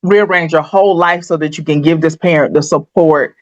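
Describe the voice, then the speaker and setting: A middle-aged podcast co-host with a low, steady voice talks a little fast, sharing candid personal thoughts and restarting as she thinks aloud. The podcast audio is dry and slightly dull, with no room sound.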